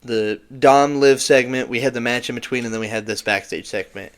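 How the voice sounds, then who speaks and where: A man's voice: medium pitch, fairly quick, clear, resonant tone. A young man co-hosting a casual wrestling recap podcast, rambling and stumbling over words. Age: young adult. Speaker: podcast co-host.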